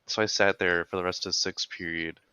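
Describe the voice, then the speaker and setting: Low-voiced teenage boy, laid-back storytelling. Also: level tone, a little fast, bright, forceful tone, clean tone, dry recording, muffled recording. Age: teens. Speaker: podcast co-host. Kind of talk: casual chat.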